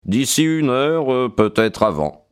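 A man reading an audiobook, voicing a sharp, guarded male detective with a brisk, reserved manner. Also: mid-range voice, very animated, clear, resonant tone, voice pushed up.

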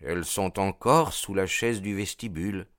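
Polite reserved butler, formal and deferential, low dry voice, played by a man. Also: moderate pace, fairly bright tone, no room sound. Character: deferential middle-aged male butler, reserved.

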